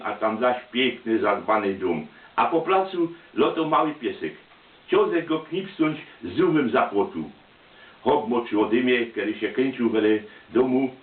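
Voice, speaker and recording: Silesian guy telling chatty stories in dialect, medium pitch, thin phone-like sound, roomy. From Silesia, Poland. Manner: chatty, colloquial. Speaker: storyteller, amateur photographer. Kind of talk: personal anecdote monologue in dialect. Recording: tinny, roomy, distant microphone.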